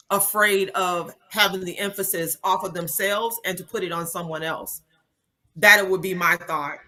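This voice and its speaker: A woman's voice: lowish voice, bright, forceful tone. A woman speaker and coach answering interview questions in a polished, upbeat way.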